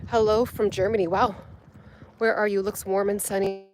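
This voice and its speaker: A woman vlogger talks to her live viewers while hiking a steep hill, breathing hard. Her chat is loose and friendly, full of fillers and greetings to viewers. A faint outdoor hiss sits behind her phone mic, and her pitch is mid-range. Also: level tone, normal speed, darkish tone. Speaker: fitness vlogger.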